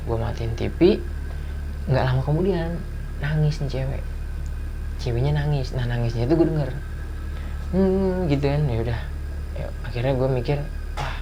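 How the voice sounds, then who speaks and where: A man tells a personal ghost story in a relaxed, slangy way. He acts out every voice in his retelling. A faint hiss runs underneath the recording. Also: a little high. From Jakarta. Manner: animated retelling with acted dialogue, slangy. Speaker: guest storyteller. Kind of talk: casual ghost story telling.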